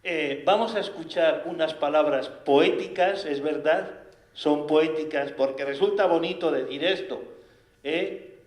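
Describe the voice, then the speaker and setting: A man with a Spanish accent preaching a sermon, animated and full of rhetorical questions. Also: on the high side, unhurried. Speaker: priest. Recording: echoey room.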